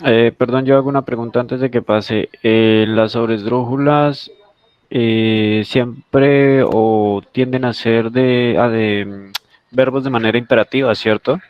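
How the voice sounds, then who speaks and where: A man, a student, asking a question in a halting, hesitant way with many fillers. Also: medium pitch, fairly even intonation, smooth. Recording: dull, faintly noisy lo-fi audio.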